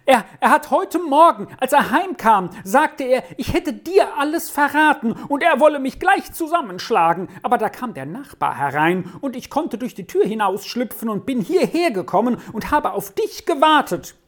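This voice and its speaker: A woman's voice: lively intonation, normal speed, few pauses. A woman doing a shrieking, furious young boy. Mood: desperate. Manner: screaming, shrill.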